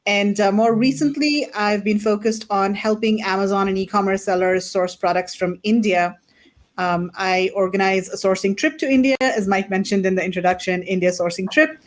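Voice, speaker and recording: A woman introducing herself on a panel in a clear, orderly way. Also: mid-range voice, moderate pace. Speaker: panelist, sourcing specialist.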